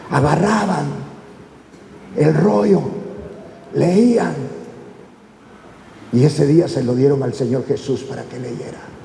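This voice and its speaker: A man's voice: high voice, gravelly, warm tone, a little hiss or hum. A man preaching a folksy, conversational sermon, talking to the congregation as brother. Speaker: pastor. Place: church. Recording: echoey church hall, faint ambience.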